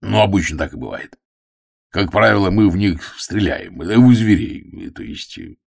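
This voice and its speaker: A man's voice: sits low, normal speed, creaky, a little mellow, slightly rough, full character voice. A man voicing a taciturn middle-aged big game hunter who speaks bluntly and awkwardly.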